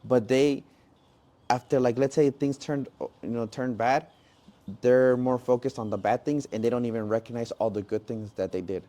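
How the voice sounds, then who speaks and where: A man's voice: mid-range voice, steady tone, moderate pace, dark tone. A man co-hosting a podcast in casual chat, rambling with lots of "bro" and "like". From Mexican-American family. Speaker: podcast co-host.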